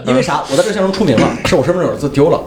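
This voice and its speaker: Man, fast lively storytelling, laughs through punchlines, echoey room. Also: fairly high pitch, over a noisy crowd. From Henan, China. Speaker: comedian. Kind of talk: storytelling in casual podcast chat.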